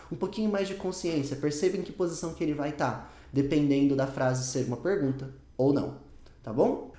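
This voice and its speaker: A man teaching English in an online lesson, emphatic and repetitive, saying English example phrases slowly. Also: a little high, a little mellow, reverberant.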